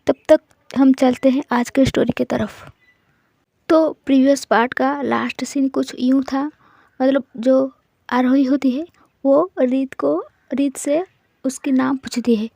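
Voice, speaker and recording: A woman's voice: high voice, steady tone, a little slow, vocal fry, mellow, no room sound. A woman narrating a romance story in a casual, chatty way and talking directly to her listeners as the channel's host.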